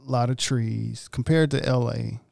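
Gravelly guy from mississippi, slow halting casual chat, dry close sound. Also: medium pitch, steady tone, a little mellow, no room sound. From Mississippi, USA. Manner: unhurried, halting, restarts his sentences. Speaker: guest.

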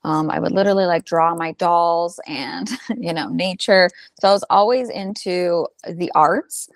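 Woman in her thirties, low voice, chatty and laughing, dry close sound. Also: a little slow, no echo. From Albanian heritage. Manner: chatty, laughs often, many fillers. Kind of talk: conversational interview.

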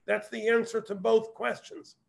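A man's voice: sits high, level tone, normal speed, creaky. A man teaching a Torah text, reading Hebrew phrases and translating them. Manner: explains verse by verse, quoting Hebrew then translating. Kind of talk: text study lesson.

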